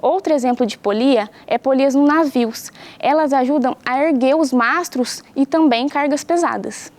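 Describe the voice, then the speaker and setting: A young woman teacher from Brazil, giving a patient home science lesson that explains things clearly and asks the pupils questions. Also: high voice, normal speed, a little mellow.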